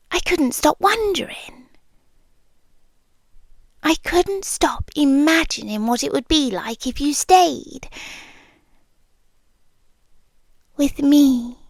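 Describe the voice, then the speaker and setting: A British woman plays an amused, possessive, immortal monster queen in an intimate, hushed ASMR roleplay, teasing and often dropping into whispers. Her voice is high, and her mood wistful and longing. The recording is studio quality with no room sound.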